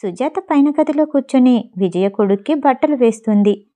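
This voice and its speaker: An audiobook narrator, a woman, tells a storybook tale at steady, expressive pacing and normal speed. Her voice is a little high yet warm and mellow, never sharp.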